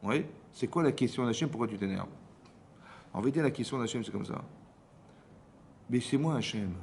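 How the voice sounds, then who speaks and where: A man teaching a Torah lesson to a class, his voice sitting at an ordinary middle pitch. He talks in a lively way, acting out little dialogues and often asking his listeners whether they have understood. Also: fast, gravelly, a little hiss or hum. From France. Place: community hall class.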